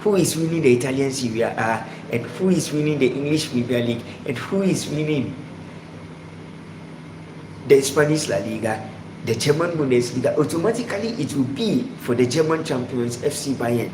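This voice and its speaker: A man's voice: mid-range voice, animated, normal speed. A man from Ghana hosting a casual sports live stream, greeting viewers by name and asking them questions. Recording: echoey room with loud background noise.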